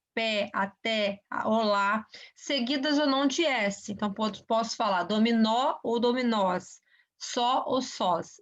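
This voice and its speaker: Woman teacher on a dull lo-fi recording. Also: a little high. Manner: explains slowly, checking in with "ok?" and "tá?". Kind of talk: recorded online grammar lesson.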